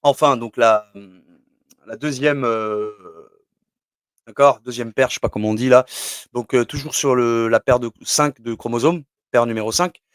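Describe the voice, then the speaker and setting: A man's voice: medium pitch, steady tone, moderate pace, smooth, dry recording, studio quality. A man giving a casual explanatory talk as a religious numerology teacher, rambling with many fillers and asides.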